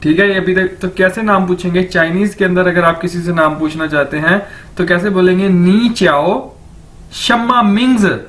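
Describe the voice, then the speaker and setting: A man teaching a recorded lecture, saying each word slowly and over and over for learners. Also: high voice, flat delivery, a bit bright. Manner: repeats words slowly for learners. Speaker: language teacher.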